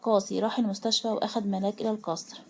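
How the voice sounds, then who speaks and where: A woman's voice: mid-range voice, little pitch movement, very fast, warm tone. A woman with an Egyptian accent, retelling a romance story in a chatty, casual way with asides to her listeners. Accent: Egyptian Arabic.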